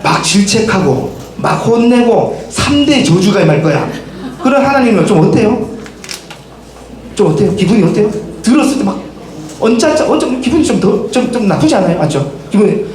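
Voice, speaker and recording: A man preaching to teenagers as their pastor, questioning them directly and acting out quotes in a lively way. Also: high-pitched, a little fast. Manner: lively, asks the youth many direct questions and acts out quotes. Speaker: pastor preaching to a middle school summer Bible school. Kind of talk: sermon to teenagers. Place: church worship hall. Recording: very echoey hall, faint noise.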